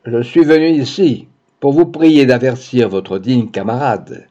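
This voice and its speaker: A man's voice: mid-range voice, measured pace, dark tone, lightly acted. A man voicing an older male doctor, furious and grieving, who breaks into angry, exclamatory outbursts, on a dull lo-fi recording.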